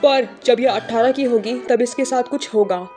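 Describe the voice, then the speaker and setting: A woman voicing a calm, grave male fortune teller in a spoken horror story, talking in a measured, solemn way. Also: fairly high pitch, voice pushed down, natural voice. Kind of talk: storybook narration acting. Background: music.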